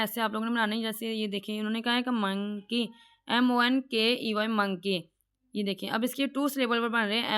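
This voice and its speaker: A woman teaching an online class, explaining step by step and reading English sentences slowly before translating them. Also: a little high, fairly bright tone, clean tone.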